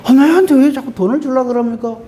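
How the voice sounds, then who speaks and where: A man's voice: extremely high pitch, quick pace, mellow, big-room sound, pitched above the performer's own voice. A preacher acting out a generous, courteous landowner who earnestly offers his land for free.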